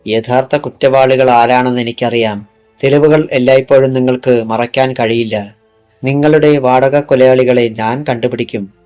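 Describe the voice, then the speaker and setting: A stern female police superintendent in a recorded thriller confronts her suspect in hard, accusing words, as a man reads her. Her pitch stays middling. Soft music plays under it. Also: close to an everyday voice.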